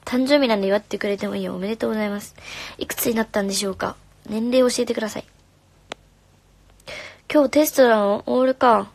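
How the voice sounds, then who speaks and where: Soft-spoken young woman with a gravelly edge. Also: fairly high pitch, fast, long pauses, no echo. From Japan. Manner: soft and friendly, drops to whispers now and then. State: slightly hoarse. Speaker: idol singer hosting a live stream. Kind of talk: casual live-stream chat reading comments. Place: home room. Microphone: phone.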